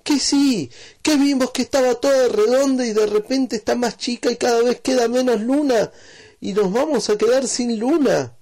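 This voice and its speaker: An excited little animal child shrieks his alarm in a high, shrill voice, as a man reading a children's story puts him on. The voice carries a Rioplatense Spanish accent and sounds loud and strained. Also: moderate pace.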